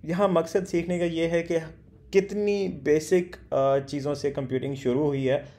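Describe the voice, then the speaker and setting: Mellow-voiced man teaching a beginner lesson. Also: a little high, level tone, moderate pace. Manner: explains step by step, many hesitation sounds, stumbles on foreign names. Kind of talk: beginner lecture in mixed Hindi and English, reading slide text slowly.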